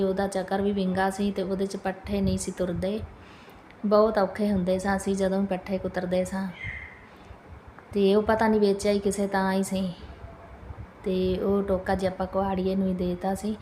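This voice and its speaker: Chatty Punjabi woman vlogger, fairly even pitch. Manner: chatty, homely, addressing viewers with polite tags. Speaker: family vlogger, mother. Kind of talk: casual home vlog narration. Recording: clear background noise, home ambience.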